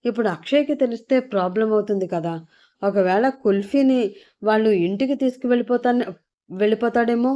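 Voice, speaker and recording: A woman's voice: on the high side, dark tone, highs cut off, voice pushed up, natural voice. Woman voicing an anxious young man, Srinu. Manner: worried, hurried pleading.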